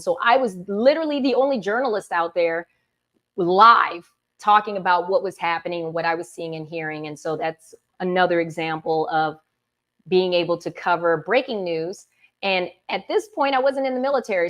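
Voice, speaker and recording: A woman from the United States, a former military broadcast journalist, telling her life story as a guest on a live panel show and acting out the things people said to her. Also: mid-range voice. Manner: animated storyteller who acts out quoted remarks.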